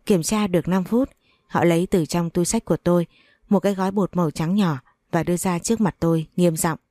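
A woman narrates a first-person story with a calm, even delivery. Her voice sits low and mellow. The sound is dry and close, with no room around it. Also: fairly quick, dry recording. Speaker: audiobook narrator.

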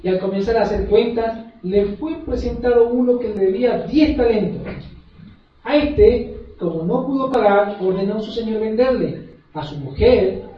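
A hoarse male preacher giving an emphatic sermon, often putting questions to the congregation. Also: high voice, normal speed, a little hiss or hum. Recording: echoey hall from far off, dull and lo-fi.

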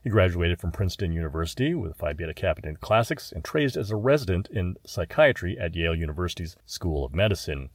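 A man hosting a science radio show, delivering scripted introductions and interview questions in a bright, upbeat presenter manner. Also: sits low, no room sound, studio quality. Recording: music behind the voice.

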